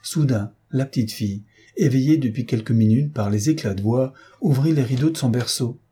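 A man narrating a novel aloud, voicing both husband and wife in a steady dramatic reading. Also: mid-range voice, moderate pace, husky.

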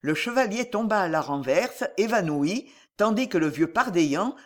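An audiobook narrator reading a historical adventure novel aloud with expressive, dramatic narration. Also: medium pitch, normal speed.

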